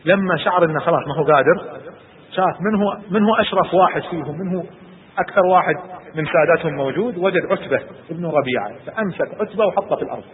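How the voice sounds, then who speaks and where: A man tells a story as a preacher in a lively, theatrical lecture, and his fairly high voice bursts into loud exclamations. The recording is thin and phone-like, with a long hall reverb and a faint hiss. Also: fast talker. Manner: dramatic, acts out quotes with sudden loud exclamations. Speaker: preacher teaching the Prophet's biography.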